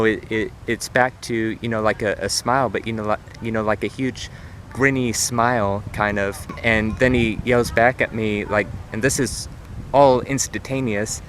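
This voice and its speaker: A young man talks earnestly to his camera as he walks through a park, circling back and restarting his sentences as he tells his story. His voice sits at a middling pitch. Faint traffic hums in the background. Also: fairly bright tone. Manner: earnest, repetitive retelling with many restarts. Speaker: vlogger. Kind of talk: walking vlog storytelling. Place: outdoor park near traffic.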